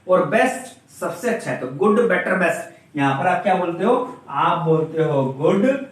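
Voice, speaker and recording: A male teacher giving a classroom grammar lesson, asking the class questions and then answering them himself. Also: a little high. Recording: very echoey room, voice from a distance.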